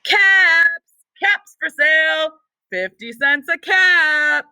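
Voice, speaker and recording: A woman's voice: extremely high pitch, lively intonation, a little slow, pushed and bright, pitched above the performer's own voice, heavily acted. A woman voicing an angry male cap peddler who scolds and demands his caps back. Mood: calling out. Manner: scolding, shaking finger, demanding.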